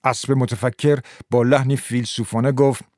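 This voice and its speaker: A man reads a literary story in a measured, even narrating voice. The sound is dry and close to the microphone, with no room around it. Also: mid-range voice, no room sound.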